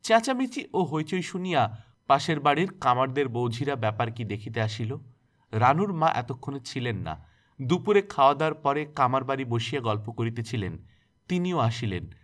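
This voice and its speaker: A man reading a classic novel aloud as an expressive storyteller. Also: mid-range voice, moderate pace. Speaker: story narrator.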